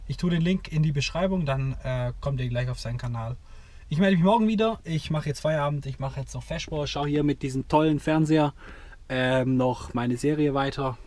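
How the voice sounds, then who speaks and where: A man's voice: on the high side, a little fast. A man who drives trucks, recording a casual video diary of his working week from the road, chatty and blunt, cursing when something annoys him. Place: inside a truck cab and around depots. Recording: loud road and engine noise.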